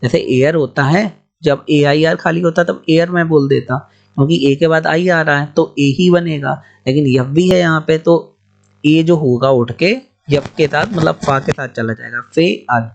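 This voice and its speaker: Gravelly-voiced man teaching pronunciation. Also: a little high. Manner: spells words letter by letter, slow and explanatory. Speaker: English teacher. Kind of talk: spoken Hindi English-pronunciation lesson. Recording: dull lo-fi recording.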